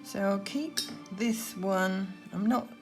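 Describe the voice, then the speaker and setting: A woman giving gentle, unhurried painting instruction, talking through her work as she goes, with trailing pauses. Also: medium pitch, soft background music. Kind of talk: unscripted painting demonstration, talking while working.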